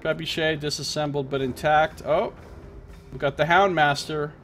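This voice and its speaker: A man's voice: on the high side, fairly even intonation, moderate pace, a bit bright. A man streaming a video game with casual live commentary and wry asides.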